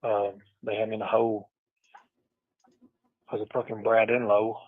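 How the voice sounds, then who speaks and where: A man's voice: lowish voice, flat delivery, moderate pace, no room sound. A man talking to family over a jail phone call, laid-back and swearing often in casual slang. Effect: inmate on a jail phone call. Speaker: inmate calling family. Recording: tinny dry jail phone line.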